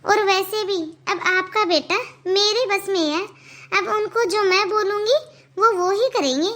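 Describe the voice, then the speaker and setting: A woman voicing a scheming, bossy young daughter-in-law in a cartoon, who talks in a sharp and taunting way. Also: very high-pitched, a little slow. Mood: scolding. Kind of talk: cartoon voice acting.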